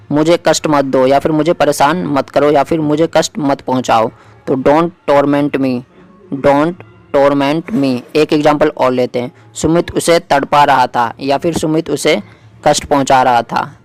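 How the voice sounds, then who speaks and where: A man teaching vocabulary in Hindi, slowly spelling out each example sentence. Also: a little high, no echo. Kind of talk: explaining lesson.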